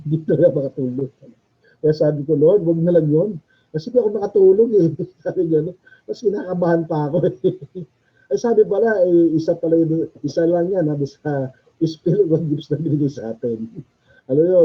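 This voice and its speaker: A male chaplain with a somewhat high, husky voice delivers a sermon in a chatty style, laughing often and putting questions to the audience. The recording is dull and lo-fi.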